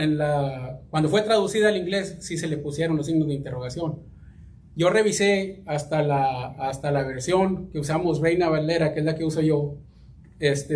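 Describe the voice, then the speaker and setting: A man preaching a sermon and reading scripture, speaking haltingly, repeating words as he searches, and addressing the congregation as brothers. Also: on the high side.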